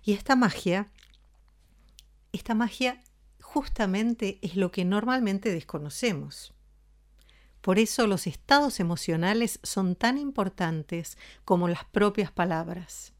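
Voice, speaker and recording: Lady teaching voice, calm and explaining, mid pitched. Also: takes it slowly. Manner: calm, explanatory, demonstrates ways of speaking. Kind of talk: spoken voice lesson.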